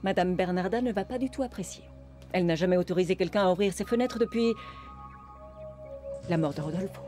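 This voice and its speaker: A woman doing a grave, mellow maid. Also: on the low side, fairly quick, soft background music, natural voice.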